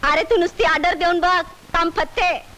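A woman's voice: very high voice, steady tone, normal speed, a crowd in the background, low-quality recording. An actress playing a sly village woman who talks in a bold, taunting, rustic way. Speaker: film character. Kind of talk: 1980s film acting. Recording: old film soundtrack with music.

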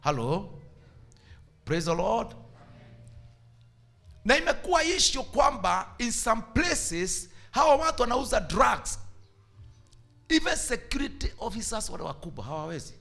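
A bishop preaching with real animation, his high voice edged with a gravelly rasp and a bright, forceful tone. Faint music sits under him. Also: a little slow, pauses often. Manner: animated preaching, mixing Swahili and English. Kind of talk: sermon.

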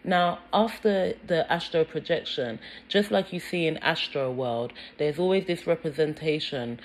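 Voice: medium pitch, a little slow, slight background noise, poor audio. A speaker with a British accent giving earnest, insistent commentary over a music video, with frequent ums and repeated words.

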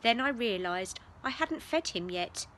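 A woman reading a children's story aloud in a gentle, expressive way. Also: on the high side, measured pace, a little hiss or hum, poor audio.

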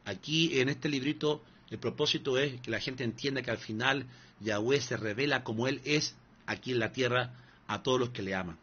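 A man's voice: medium pitch, normal speed, a bit bright, breathy edge, highs cut off. A male pastor preaching a sermon, scolding and emphatic, repeatedly calling the listener "brother" between his points. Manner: scolding, emphatic, mocking asides, repeats "hermano".

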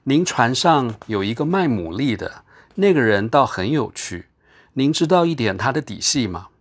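Brief: frightened stammering father, strained hushed voice, read by a man. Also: mid-range voice, big pitch swings, moderate pace. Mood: polite. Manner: stammering, hoarse under strain. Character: nervous, frightened middle-aged father.

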